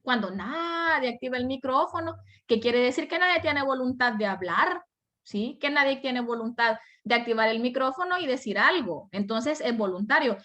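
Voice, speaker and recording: A woman's voice: sits high, bright, forceful tone. A woman from El Salvador with a Salvadoran accent, teaching an online class over a video call. She explains step by step and answers her own rhetorical questions. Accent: Salvadoran Spanish.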